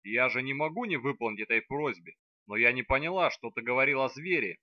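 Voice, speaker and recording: A man reading aloud voicing an imperious, sharp-tongued sorceress woman who scolds and looks down on the young man. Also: medium pitch, lively intonation, a little fast, no echo, highs cut off, natural voice. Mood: placating. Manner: scolding, haughty.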